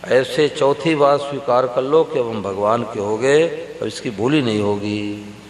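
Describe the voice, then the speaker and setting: A man giving a devotional sermon, telling stories slowly and speaking straight to the gathered listeners. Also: medium pitch. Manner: slow, storytelling, addresses the audience directly. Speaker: preacher. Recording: roomy hall reverb with faint hum.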